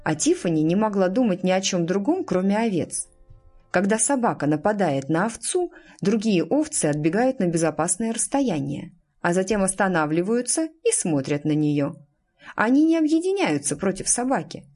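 A woman narrating a storybook in an expressive, storytelling manner. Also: mid-range voice, normal speed, soft background music. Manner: expressive storytelling with lively intonation. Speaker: audiobook narrator. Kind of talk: scripted narration.

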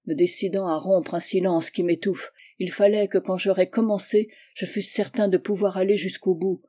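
A passionate young man, voiced by a woman narrator presses his feelings with forceful insistence. The tone stays mellow and warm. It is an audiobook reading of a novel. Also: medium pitch, steady tone, normal speed, natural voice. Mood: insistent.

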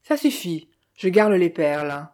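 A woman reading the part of a calm, polite male detective with formal, measured speech. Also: on the low side. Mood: stern.

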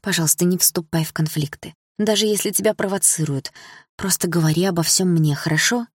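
Gentle weary teacher, read by a woman, soft, pleading, low voice, audiobook. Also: brisk, breathy edge, no room sound, clean studio sound. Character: caring female homeroom teacher, gentle and weary. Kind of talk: audiobook character voice.

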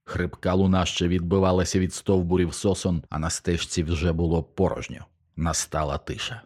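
A man narrating an audiobook in a steady, measured way. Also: sits low, breathy edge.

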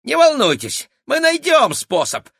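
A man voicing a greedy, squeaky, rat-like bald male bandit in an audiobook, shrill and excitable. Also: measured pace, creaky, no echo, studio quality, full character voice. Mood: shrill excitement. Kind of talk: audiobook character voice.

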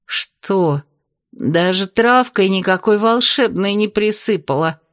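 A woman voicing a big, nosy young bride who drawls her prying questions slowly. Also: mid-range voice, a bit bright, no room sound, clean studio sound.

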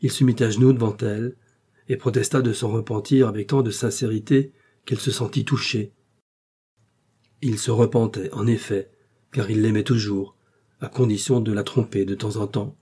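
A man narrating a classic novel aloud in a measured, literary audiobook reading. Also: on the low side, fairly even intonation, mellow, husky. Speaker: audiobook reader.

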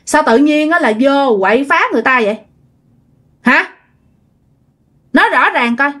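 A woman's voice: high voice, animated, normal speed, a bit bright. A woman voicing a stern male exorcist master who questions a spirit in a commanding way.

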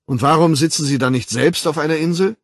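A man's voice: a little high, fairly quick, no echo, clean studio sound, voice pushed up. A man voicing a puzzled male scholar who asks surprised questions, in an audiobook. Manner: surprised, inquiring.

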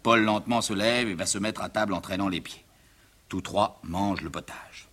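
A man reading out the stage directions of a play in a low, quiet, even way. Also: normal speed. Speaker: reader.

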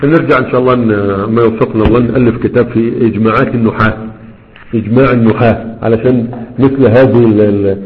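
A man's voice: medium pitch, steady tone, fast. A man with an Egyptian Arabic accent, a sheikh giving a classroom grammar lecture, explaining with rhetorical questions and checking often that students follow. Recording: dull lo-fi recording.

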